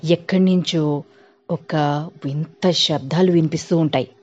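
A woman narrating a spooky storybook tale with a dramatic, suspenseful delivery. Her voice sits on the low side. The recording sounds dull and lo-fi. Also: fairly even intonation, a little slow, a little mellow, husky.

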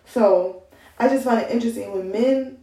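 A young woman talks through her thoughts in a casual podcast monologue, circling back and restarting as she goes. Her voice is mellow with a gravelly fry. It comes from a little way off the mic, in a roomy space. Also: a little high, normal speed, distant mic. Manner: musing, rambling with restarts. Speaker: podcast host.

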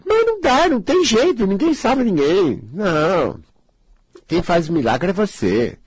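A man's voice: sits high, sing-song, a little slow, slightly rough, dry recording. A man in his sixties from Brazil, a spiritual healer talking casually and bluntly, acting out the voices of others. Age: 60s.

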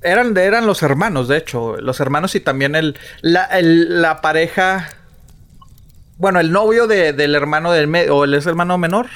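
A young man with a Mexican accent, chatting loosely with a friend on a podcast. His voice sits higher than most men's. He rambles, slips into slang and acts out what others said, laughing as he goes. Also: moderate pace, a bit bright. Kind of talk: casual chat.

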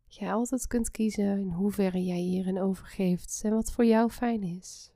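A woman guiding a relaxation meditation in a soft, soothing, breathy half-whisper. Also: medium pitch, fairly even intonation, unhurried, dry recording, studio quality. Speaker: guided meditation host.

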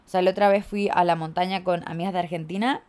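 A young woman from Chile talks through her podcast in a loose, reflective way, leaning on fillers as she thinks aloud. Her voice sits a little low for a woman. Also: steady tone, fast talker, a little mellow. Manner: chatty, reflective, filler-heavy with "como". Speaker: podcast host and coach. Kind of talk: casual podcast monologue.

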